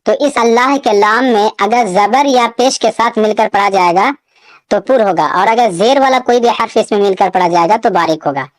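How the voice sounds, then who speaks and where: A woman teaching Quran reading, reciting words slowly and drawn out, with quick explanations between them. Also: medium pitch, no echo.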